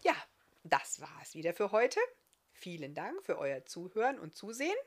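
A woman, the author, reading her fairy-tale novel aloud in a calm, expressive storytelling manner. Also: on the low side, moderate pace.

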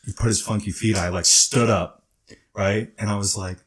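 A young man with a very low, husky voice spins a rambling story. He leans on "like" and swears freely in loose, casual talk. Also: steady tone, moderate pace. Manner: rambling, heavy use of "like" and profanity. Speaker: guest in recovery.

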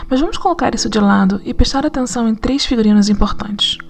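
A woman narrating a scripted essay in an analytical, conversational way with lively asides. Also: on the high side, fast, vocal fry, soft background music. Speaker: narrator and writer.

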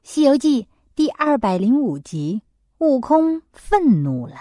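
A woman narrating a children's story in a friendly, big-sister manner. Her pace is slow and her pitch rises and falls a lot. The recording is dry and close. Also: big pitch swings, dark tone, dry recording, soft background music.

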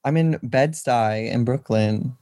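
A man's voice: mid-range voice, takes it slowly, warm tone, no room sound, clean studio sound. A man co-hosting a casual podcast over a video call, speaking in an informal, opinionated way. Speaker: podcast co-host.

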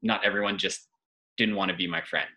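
A man's voice: fairly low pitch, steady tone, brisk, pushed and bright, muffled recording. A man hosting a podcast, asking friendly, rambling questions full of "you know" and "like". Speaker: podcast host. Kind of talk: casual interview chat.

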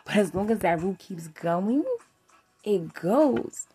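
A woman's voice: medium pitch, animated, takes it slowly, warm tone, slightly rough, faint music behind. A woman hosting a podcast, talking about relationships in a candid, rambling way, swearing freely and filling her talk with "like". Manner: loose and rambling, full of "like" fillers. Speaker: podcast host.

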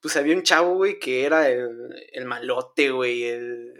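A man's voice: medium pitch, normal speed, a bit bright. A young man with a Mexican Spanish accent, telling a story in casual chat, slangy and self-mocking, with lots of filler words.

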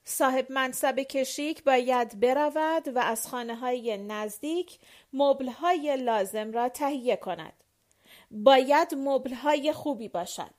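A steady, affectionate general gives orders without fuss in an audiobook, read by a woman. The delivery is measured and warm in intent, kept near the reader's own fairly high voice. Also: close to an everyday voice. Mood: calm instructions. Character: calm, affectionate male general, gently commanding. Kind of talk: audiobook character voice.

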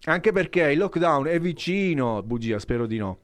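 A man hosting a radio show, teasing his co-host in relaxed chat. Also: on the high side, normal speed, dry recording, soft background music. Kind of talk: casual chat.

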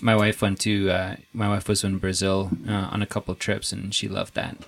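A young man hosts a casual interview, his low voice carrying a gravelly, creaky edge. Relaxed and easygoing, he speaks a little fast and restarts sentences as he thinks.

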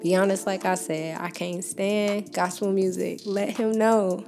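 A woman's voice: mid-range voice, fairly even intonation, measured pace, gravelly, darkish tone. A young woman giving a casual, heartfelt faith talk, speaking informally and often saying "like" and "you know.". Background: background music.

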